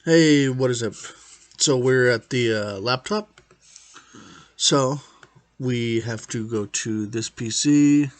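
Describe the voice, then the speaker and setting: Guy doing a chill how-to on camera, lots of uhs, corrects himself a bunch, average pitch. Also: slow. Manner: rambling, full of "uh" fillers and self-corrections. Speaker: toy review channel host. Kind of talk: casual how-to demonstration. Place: home recording studio. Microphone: camera mic, partly a GoPro.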